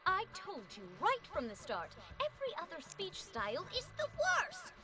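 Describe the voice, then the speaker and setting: A woman's voice: extremely high pitch, huge pitch swings, moderate pace, a crowd in the background, heavily acted. A woman voicing a blunt, haughty, short-tempered young mistress in an anime game. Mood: indignant. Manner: blunt, snappish. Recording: music behind the voice.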